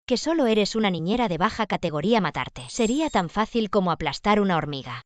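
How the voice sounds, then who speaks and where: A woman's voice: medium pitch, animated, quick pace, dry recording, natural voice. An actress dubbing a proud, wounded young woman in a melodrama. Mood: scornful, heated. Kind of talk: dubbed melodrama acting.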